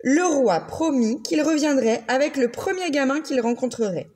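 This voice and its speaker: A woman reading a children's picture book aloud, slow and very expressive. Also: sits high. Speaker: children's story reader.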